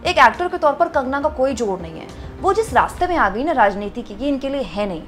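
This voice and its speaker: A woman's voice: high voice, big pitch swings, fairly quick, soft background music. A woman commentating on political news, reading out viewer comments and chatting to her audience as friends, with frequent hesitations.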